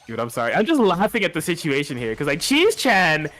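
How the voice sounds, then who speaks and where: Male color commentator, slightly high and bright; casual, hyped delivery with lots of "dude" and "like.". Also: huge pitch swings, brisk, faint music behind. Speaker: esports co-commentator. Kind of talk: fighting game color commentary.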